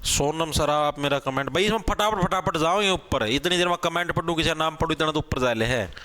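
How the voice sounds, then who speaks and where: A male teacher leading a live online grammar class, energetic and pushing students to answer fast. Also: on the high side. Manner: calls students "bhai" again and again.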